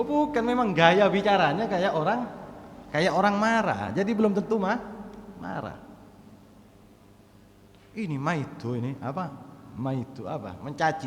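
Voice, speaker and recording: A man delivers a sermon, his voice sitting a little high. He jumps from loud, stressed phrases down to quiet murmurs. The sound carries a roomy echo with a long hall tail. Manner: animated, swings from loud emphatic calls to low murmurs. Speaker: preacher. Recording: echoey hall with long reverb.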